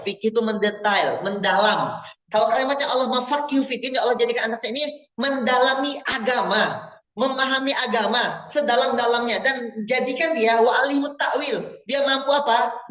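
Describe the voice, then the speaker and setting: A man preaching in a mosque, animated and full of rhetorical questions, calling on listeners by name. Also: extremely high pitch, low-quality recording. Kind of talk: Islamic study sermon on parenting.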